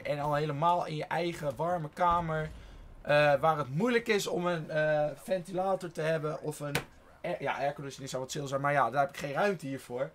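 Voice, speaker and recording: A man giving rambling live gameplay commentary from his bedroom, voice a little strained, with excited outbursts and swearing. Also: fairly high pitch, slight background noise. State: slightly strained voice. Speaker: gaming YouTuber. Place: his own warm bedroom.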